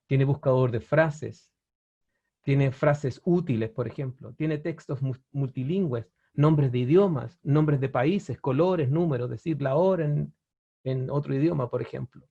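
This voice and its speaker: A man's voice: mid-range voice, measured pace, vocal fry, dark tone, lo-fi sound. A man giving an online webinar lesson about language-learning websites, explaining at an easy pace with many fillers and restarts, often checking in with his viewers. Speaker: language teacher presenting a webinar.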